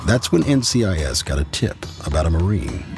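A very low-voiced man delivers scripted true-crime narration. His intonation moves around a good deal, with a gravelly creak at the bottom. Music plays behind him. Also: very animated, a little fast.

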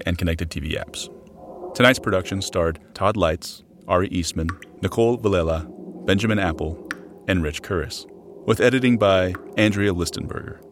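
A man reads the closing credits and farewell in a dry, wry tone. His voice sits low, with a faint hiss of noise underneath. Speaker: writer and outro announcer. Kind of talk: scripted show outro.

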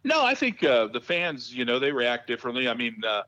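A man's voice: medium pitch, big pitch swings, a little fast, pushed and bright, no room sound. Man, interview guest, track manager, rambling anecdotes, hesitant, muffled lo-fi audio, dry. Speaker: guest, racetrack general manager. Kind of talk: casual interview chat.

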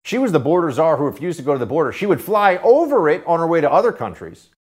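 A man hosting a political talk radio show, delivering sarcastic commentary that swings between loud jabs and quiet asides. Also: a little high, big pitch swings, fast. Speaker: radio host.

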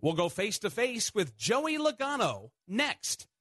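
Lively high-voiced male radio host. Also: unhurried, over music. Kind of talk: scripted broadcast narration.

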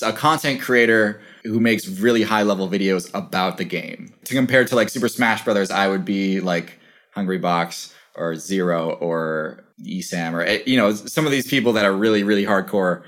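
A young man with a fairly low voice talks through his ideas in a loose, thoughtful way, leaning on "like" as he goes. He is a guest in a relaxed interview, heard over a video call. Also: normal speed. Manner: thoughtful, rambling, lots of "like" fillers. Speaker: interview guest, channel creator. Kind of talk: casual conversational interview.

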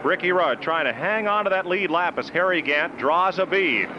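A male motorsport commentator reports on a live race in a somewhat high voice. He describes the action in full sentences. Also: lively intonation, normal speed, lo-fi sound, noisy background.

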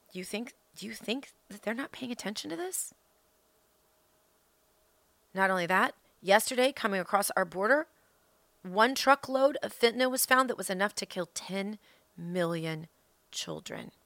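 A woman's voice: mid-range voice, expressive, fairly bright tone, no echo. A woman podcast host giving an opinionated political monologue, emphatic, repeating phrases for effect and putting rhetorical questions to listeners. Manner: emphatic, with deliberate repetition for effect.

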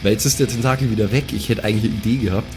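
A man plays a tabletop game, thinking out loud in a casual, slangy, hesitant way during improvised play. His voice is fairly low and steady in tone, and he talks very fast while music plays behind him.

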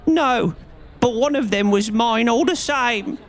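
Timid little man, high quavering whine, read by a man. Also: slow pace. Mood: whining. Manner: whining, quavering. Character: small cringing rat-faced man, nervous.

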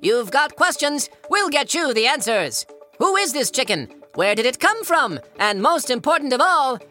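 A man voicing a pompous male asparagus news anchor with a grand, booming newsreader delivery in a cartoon audio play. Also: big pitch swings, moderate pace, bright, forceful tone, faint music behind, full character voice. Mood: announcing.

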